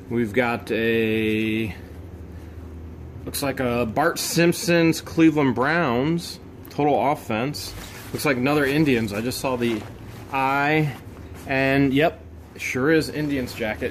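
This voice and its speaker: Guy going through storage boxes, chatty, gets super excited, slow talker, bit of room hiss. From United States. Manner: excitable, bursts into high exclamations over finds. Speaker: storage unit reseller vlogger. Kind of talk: casual unboxing narration.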